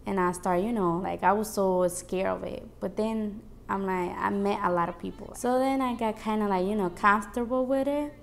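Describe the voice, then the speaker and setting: Young woman, late teens, gravelly low-ending voice, hesitant interview answers. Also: moderate pace, hardly any pauses, slight background noise. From El Salvador. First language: Spanish. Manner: earnest, hesitant with fillers. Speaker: student activist. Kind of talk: interview testimony.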